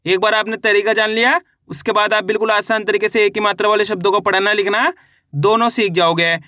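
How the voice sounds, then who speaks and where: A man's voice: high-pitched, steady tone, brisk, sharp tone, dry recording, clean studio sound. A man teaching beginners to read by sounding out words syllable by syllable, in a patient, drilling manner. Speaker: Hindi reading teacher. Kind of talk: spelling lesson for beginners.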